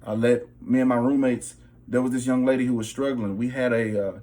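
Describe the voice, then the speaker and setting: A man's voice: medium pitch, fairly even intonation, fairly quick, mellow. A young man giving a personal spiritual testimony in a casual, emphatic way, often checking in with his listeners. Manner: casual, emphatic, repeats "bro" and "okay". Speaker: vlogger.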